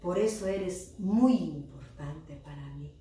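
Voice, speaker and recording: A woman's voice: fairly low pitch, warm tone. A woman voicing a tender, reassuring God. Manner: slow, tender, emphatic. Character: loving God, calm and reassuring. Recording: echoey room, voice from far off.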